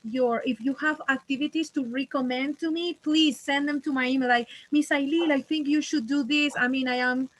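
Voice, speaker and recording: A woman from Venezuela speaks in a somewhat high voice over a video call. She talks in a friendly, grateful way, with many fillers and restarts. It sounds like a casual online chat. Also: fairly even intonation, normal speed, hardly any pauses, poor audio. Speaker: webinar presenter.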